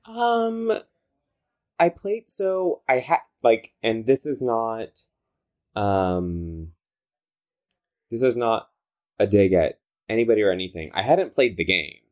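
Socal guy in a casual interview, deep voice but talks total valley girl, says like a lot. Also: sing-song, takes it slowly, pauses often, a little mellow. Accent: Southern Californian. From Southern California, United States. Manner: valley girl talk, peppered with "like". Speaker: interviewed comic book writer.

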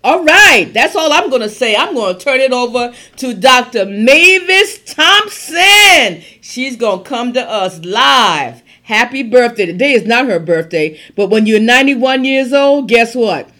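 A woman's voice: a little high, lively intonation, measured pace, few pauses, pushed and bright. A woman hosting her own podcast who talks in a chatty, enthusiastic way with plenty of fillers. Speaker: podcast host. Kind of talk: podcast talk and interview.

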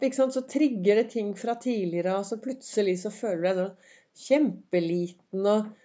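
A woman hosting a podcast in a chatty, encouraging motivational monologue, her voice slightly hoarse and her throat often cleared, with many fillers. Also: medium pitch, dark tone. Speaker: podcast host. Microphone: semi-pro recording setup.

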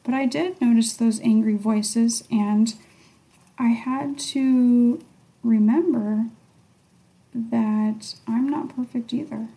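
A middle-aged woman hosting a podcast, talking candidly and thoughtfully in a reflective personal monologue, sometimes dropping to a soft near-whisper. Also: fairly high pitch, slow. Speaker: podcast host.

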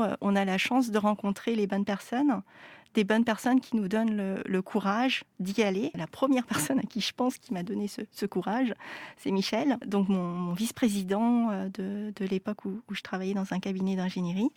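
Une femme née en France, fondatrice de startup, qui raconte son parcours dans une conversation détendue, avec beaucoup d'hésitations et de reprises. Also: female voice, mid-range voice, a little mellow, no echo. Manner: hesitant, many fillers and restarts. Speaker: AI startup founder. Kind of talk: casual conversation.

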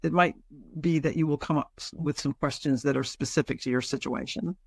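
A man's voice: a little high, steady tone, a little fast, creaky, slightly rough, no echo. A man hosting a podcast, giving semi-scripted practical advice. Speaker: podcast host.

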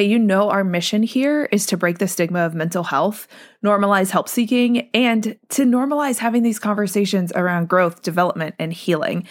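Upbeat woman psychologist hosting a podcast. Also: medium pitch. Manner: energetic, encouraging, direct address to listener. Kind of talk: upbeat podcast pep talk.

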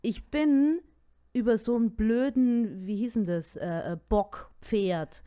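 A woman in her forties from the Allgäu in southern Germany co-hosts a casual podcast, speaking slowly in a fairly high voice with a light Allgäu German accent. Lively and chatty, she tells stories and laughs often.

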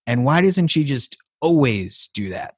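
A man's voice: medium pitch, big pitch swings, a little slow, husky, no room sound, studio quality. A man co-hosting a podcast, playfully recapping a film in casual chat. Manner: playful, recaps plot with jokes. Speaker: podcast co-host. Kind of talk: casual movie-review chat.

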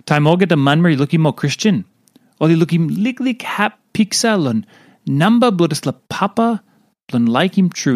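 A man with a Papua New Guinean accent reads a devotional aloud. His pitch rises and falls in a very animated way as he works through the scripted message. The recording is dry, with hardly any room sound. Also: no echo. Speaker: devotional reader.

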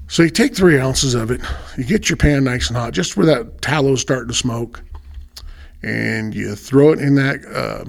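Folksy middle-aged man explaining cooking. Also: medium pitch. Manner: folksy, conversational, plain-spoken. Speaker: podcast host. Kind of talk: casual cooking talk, step-by-step explaining.

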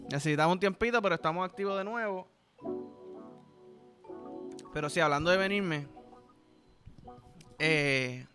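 A Puerto Rican man hosting a podcast, telling crude comic stories full of swearing and mouth sound effects. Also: sits high. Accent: Puerto Rican Spanish. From Puerto Rico. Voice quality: profane, animated storytelling with sound effects. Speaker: podcast host. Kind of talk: crude comedic monologue.

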